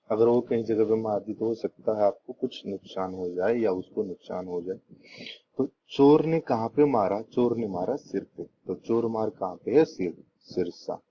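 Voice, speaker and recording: Young male tutor, deep-ish voice, repetitive quiz-style delivery, dull lo-fi recording with faint hiss. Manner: repetitive, asks rhetorical questions and answers them. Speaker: teacher. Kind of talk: exam-prep lesson teaching memory tricks.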